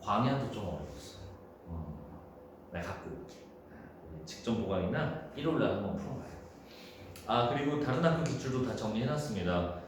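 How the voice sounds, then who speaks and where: Lively-voiced male teacher in an echoey room. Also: lowish voice, moderate pace, pauses often. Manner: casual, thinks aloud, acts out quoted dialogue in a raised voice. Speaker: high school Korean teacher. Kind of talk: online class Q&A on exam questions. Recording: echoey room with faint noise.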